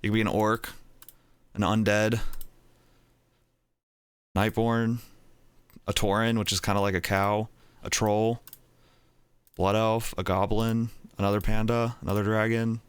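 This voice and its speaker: A man's voice: lowish voice, flat delivery, measured pace, long pauses, smooth, dry recording. A young man streaming a game, chatting casually and rambling, getting distracted as he goes. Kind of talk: casual gaming chat.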